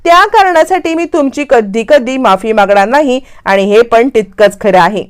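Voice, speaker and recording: A woman's voice: on the high side, expressive, normal speed, smooth, natural voice. A woman playing a haughty defiant woman. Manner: haughty, firm. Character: proud, defiant woman with attitude.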